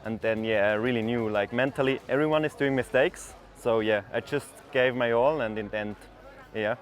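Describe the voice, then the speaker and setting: A man's voice: mid-range voice, normal speed. A non-native English-speaking man giving a casual interview as a racer. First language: not English.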